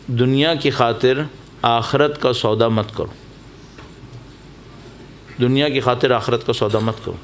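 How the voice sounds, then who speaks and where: A man's voice: medium pitch, a little hiss or hum. A man delivering a religious sermon at a mourning gathering, telling stories and exhorting his listeners with emphatic repetition. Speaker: preacher. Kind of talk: Muharram majlis sermon. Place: mosque or majlis hall.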